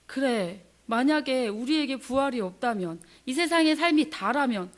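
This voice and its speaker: A woman's voice: high voice, lively intonation. Earnest woman preaching a sermon. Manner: earnest, conversational preaching with frequent pauses and fillers. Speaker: missionary preacher. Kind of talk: sermon at a prayer meeting.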